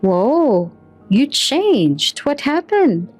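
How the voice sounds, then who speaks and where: A woman's voice: fairly high pitch, measured pace, soft background music, natural voice. Woman doing a flirty flight attendant. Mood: breezy.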